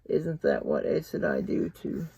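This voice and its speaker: Man voicing a defiant young man, harsh and gravelly, dark tone. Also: fairly high pitch, huge pitch swings, measured pace, heavily acted. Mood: angry. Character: young man, frightened and angry. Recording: dull lo-fi dry recording.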